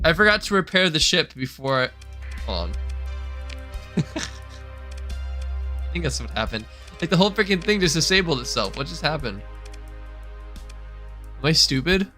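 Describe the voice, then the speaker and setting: A man's voice: on the high side, pushed and bright. A young man streaming a space strategy game, thinking aloud and mocking his own mistakes with frequent exclamations. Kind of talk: casual gameplay commentary.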